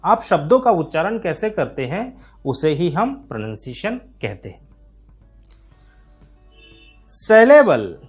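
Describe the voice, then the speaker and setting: An Indian man gives an English reading lesson with a high, lively voice that rises and falls a lot. He talks slowly and stretches out each English term. Soft music plays behind him. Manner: slow, drawn-out delivery of English terms. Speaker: English teacher. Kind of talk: explanatory lesson.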